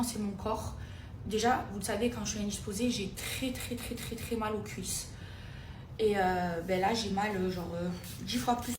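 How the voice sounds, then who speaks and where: A woman's voice: mid-range voice, a little mellow, reverberant, recorded from a distance, slight background noise. A young woman, chatting casually to her followers in a home vlog, with lots of fillers. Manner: chatty, addresses viewers as "les filles", many fillers. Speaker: social media personality. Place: at home, indoors.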